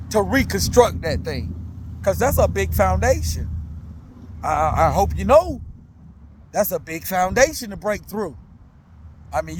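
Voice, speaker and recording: This father, thirty-plus, speaks in a fairly high voice over a faint hiss or hum. His storytelling is lively and slangy, circling back on itself as he keeps checking whether his audience is following along.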